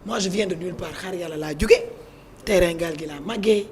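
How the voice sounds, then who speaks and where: A Senegalese woman with a hoarse, witch-like croak gives motivational coaching on a talk show. Other voices are heard around her. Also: fairly low pitch, brisk, a crowd in the background. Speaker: life coach, guest.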